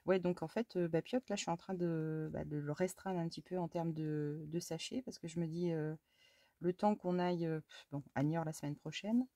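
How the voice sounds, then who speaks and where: A woman's voice: low-pitched, steady tone, moderate pace, warm tone, dry recording. A woman from France chatting casually as she works on a scrapbook, muttering to herself, exclaiming at small mishaps and talking fondly to her cat. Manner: talks fondly to her cat between steps. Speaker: scrapbooking crafter. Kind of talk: casual crafting vlog chat.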